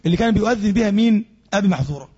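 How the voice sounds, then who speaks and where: A man's voice: sits high, lively intonation, very fast, a little mellow, slightly rough, muffled recording. A man with an Egyptian accent teaching a classroom lesson as a sheikh, explaining points and asking the class rhetorical questions. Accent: Egyptian Arabic. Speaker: sheikh teaching Islamic jurisprudence.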